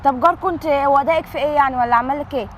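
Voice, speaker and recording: A woman's voice: sits high, racing, a bit bright, slight background noise. A woman with an Egyptian Arabic accent playing a caring, outspoken friend who coaxes and questions earnestly. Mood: coaxing.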